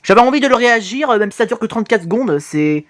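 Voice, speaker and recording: A woman talking as an excited anime fan in a casual, sweary reaction commentary, gushing with slangy exclamations. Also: on the high side, quick pace. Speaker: reaction video host.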